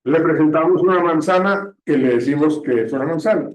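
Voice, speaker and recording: A man teaching a classroom lecture, often pausing to check understanding, recorded from a distance in a classroom. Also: on the high side. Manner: slow, checks understanding with frequent "¿sí?". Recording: echoey room, distant mic, dull sound.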